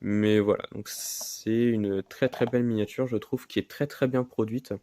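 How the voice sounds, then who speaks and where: A man presenting his new model cars in a casual vlog, halting and filling pauses often. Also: lowish voice, fairly even intonation, mellow, slight background noise. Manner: halting, many fillers and "voilà". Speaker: diecast collector vlogger. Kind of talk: casual show-and-tell vlog.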